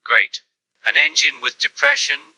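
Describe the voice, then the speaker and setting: A man's voice: a little slow, pushed and bright, no room sound, low-quality recording. A man voicing a grumpy, exasperated male engine who grumbles sarcastically. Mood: sarcastic.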